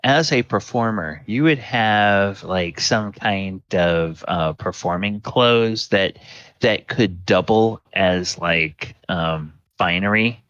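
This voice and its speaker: A man casually narrating a tabletop game as game master, explaining things in a halting way. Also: low-pitched, a bit bright, dry recording, highs cut off.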